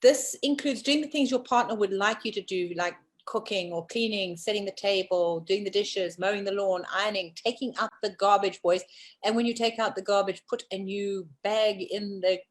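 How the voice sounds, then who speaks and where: A woman hosting a casual live online talk show, bossy and teasing, quick to laugh. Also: medium pitch. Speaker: host. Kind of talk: casual chat.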